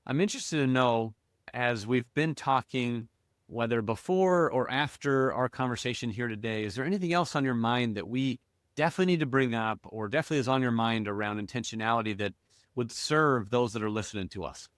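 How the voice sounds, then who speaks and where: A man's voice: medium pitch, fairly quick, a bit bright, no echo, studio quality. A man hosting a podcast interview, asking thoughtful open questions and affirming his guest's points. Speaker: podcast host.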